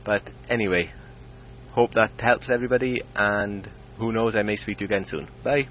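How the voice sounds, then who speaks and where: A man's voice: lowish voice, moderate pace. A man from Swansea with a Welsh accent, speaking an informal recorded message as a listener. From Swansea, Wales. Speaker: listener leaving a recorded comment. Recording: muffled lo-fi audio with faint noise.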